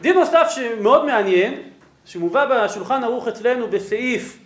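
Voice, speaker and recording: This rabbi's fairly high, bright voice carries lively intonation through a roomy echo as he teaches religious law. Patient and explanatory, he walks his listeners through the sources, repeatedly asking "right?" to make sure they're with him.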